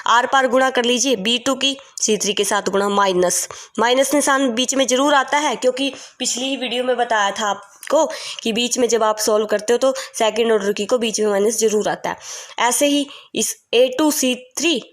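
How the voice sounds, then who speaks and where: A woman's voice: fairly high pitch, moderate pace. A woman teaching a maths lesson step by step, often repeating points and asking the class questions.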